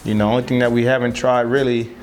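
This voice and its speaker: Young cali guy chatting about playing ball abroad, low flat voice, lots of you-know fillers, faint noise behind. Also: fast talker. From Southern California. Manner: loose, rambling, filler-heavy. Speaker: American football player. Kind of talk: casual interview talk.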